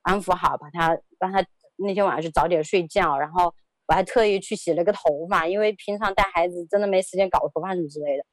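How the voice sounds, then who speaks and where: A woman's voice: on the low side, fast, dry recording. A woman in her thirties telling a personal story as an interview guest, hesitant, often repeating words and laughing.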